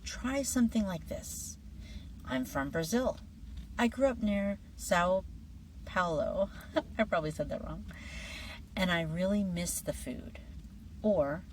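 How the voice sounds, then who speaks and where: Low-voiced woman teaching an English lesson. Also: distant mic, slight background noise, rough recording. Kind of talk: friendly scripted lesson.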